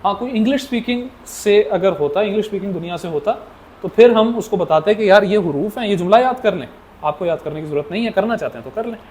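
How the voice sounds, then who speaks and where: High-voiced man teaching a class. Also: expressive, quick pace, a little mellow, slight background noise. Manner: drills by repeating questions to students; addresses the class as children. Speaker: Arabic teacher. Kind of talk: classroom lecture.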